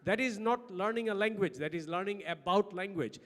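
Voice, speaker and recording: A man's voice: high voice, fairly quick, a bit bright. A middle-aged man with a Bangladeshi accent gives an emphatic conference presentation, often posing rhetorical questions. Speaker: academic conference speaker. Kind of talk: lecture-style conference presentation. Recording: long hall reverb on speech.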